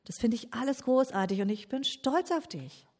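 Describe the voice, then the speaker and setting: A woman speaking as a gentle forgiving teacher. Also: fairly high pitch, animated, moderate pace, voice pushed up. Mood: tender.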